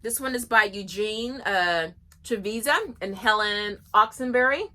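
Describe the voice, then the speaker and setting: Bright and chatty, this homeschool book reviewer talks through books casually and reads excerpts aloud, full of enthusiasm, restarts and laughter. Her medium-pitched voice is animated and measured in pace.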